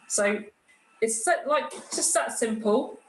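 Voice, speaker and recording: A guest craftsperson demonstrates a cutting machine, walking through each step in plain, informal language. Her voice is fairly high and her pace slow. The recording has a roomy echo and clear background noise.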